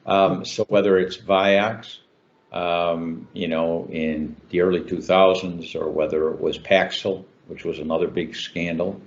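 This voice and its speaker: A man from Chicago speaks in a very deep voice, rambling through his answers with plenty of ums and false starts. The sound is slightly dull, as over a video call. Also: steady tone, a little slow. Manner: talkative, many fillers and restarts. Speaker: author guest. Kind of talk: interview answers.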